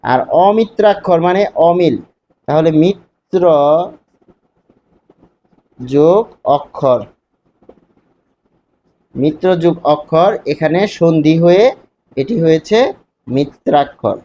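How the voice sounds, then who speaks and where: In a classroom lecture on literature, a man speaks Bangladeshi Bengali in a mellow, fairly high voice at a measured pace. He explains step by step and poses rhetorical questions, and the recording sounds dull and lo-fi with a faint hiss.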